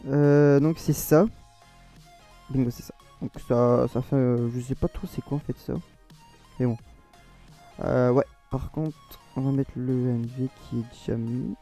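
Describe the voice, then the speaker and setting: A man's voice: medium pitch, steady tone, measured pace, mellow, faint music behind. A man with a French accent giving a casual, rambling modding tutorial, often correcting himself and laughing at his own slips. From France. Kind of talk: casual screen-recorded tutorial.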